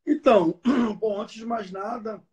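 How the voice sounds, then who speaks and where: A man's voice: sits high, a little slow, a little mellow, lo-fi sound. A young man, talking casually as an interview guest, with many fillers and repeated words. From Rio de Janeiro, Brazil. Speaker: guest, environmental engineer.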